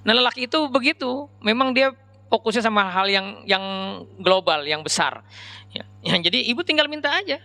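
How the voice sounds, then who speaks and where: A man's voice: high-pitched, expressive, normal speed, pushed and bright. A man giving a conversational religious lecture, talking straight to the men and women in front of him. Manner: chatty, addresses audience directly as Pak and Bu. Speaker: Islamic preacher.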